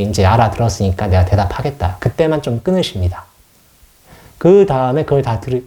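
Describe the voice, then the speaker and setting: A Buddhist monk with a mellow, mid-range voice gives an informal dharma talk on scripture, explaining as he goes. He often poses questions and then answers them himself.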